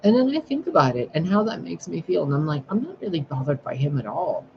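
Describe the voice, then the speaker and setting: Man, casual vlog monologue, profane, rambling, dull lo-fi sound, steady background noise. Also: a little high, fast, vocal fry. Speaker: spiritual sign reader.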